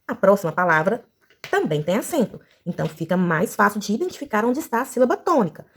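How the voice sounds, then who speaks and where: A woman teacher with a Brazilian accent speaks to young children with a bouncing, very expressive pitch. She draws out words slowly and sings syllables to make them easy to follow. Her voice sits at an ordinary middle pitch. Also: husky. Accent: Brazilian Portuguese. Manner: slow, sing-song syllables for children. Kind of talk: children's lesson.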